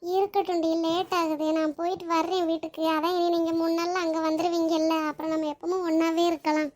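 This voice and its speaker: A woman voicing a group of chatty, emotional young women friends in a cartoon, with quick scolding banter that turns tearful. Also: very high voice, flat delivery, a little mellow. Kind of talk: animated cartoon voice acting.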